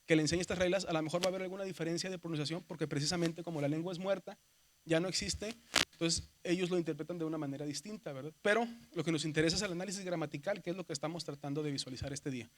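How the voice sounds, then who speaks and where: A Mexican man races through a seminary lecture in a slightly high voice, with faint background noise in the clip. Using a Mexican Spanish accent, he explains each step in sequence, keeps asking "¿verdad?", and calls his students "hermanos," brothers.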